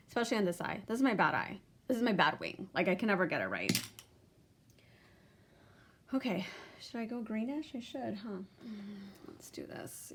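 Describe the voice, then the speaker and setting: Gravelly-voiced woman narrating a makeup tutorial. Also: medium pitch, a little hiss or hum. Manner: chatty, talks through each step of applying makeup. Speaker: beauty vlogger.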